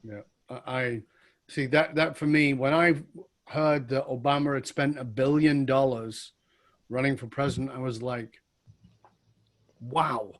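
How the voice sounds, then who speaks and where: A man's voice: mid-range voice, fairly even intonation, unhurried, pauses often. A man hosting an interview podcast, chatting emphatically and agreeing often with his guest. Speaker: podcast host. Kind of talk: casual interview chat.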